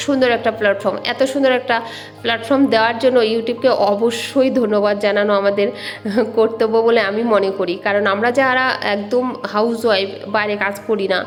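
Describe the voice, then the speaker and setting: A middle-aged housewife vlogging at home, chatting casually and warmly with her viewers. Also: on the high side. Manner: chatty and warm toward viewers; speaks softly at night so as not to wake family. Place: home at night.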